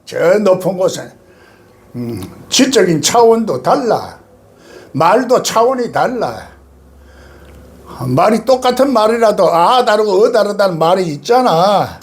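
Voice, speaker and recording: An older man, a pastor preaching a sermon with sudden loud outbursts and laughter. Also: sits high, sing-song, a little slow.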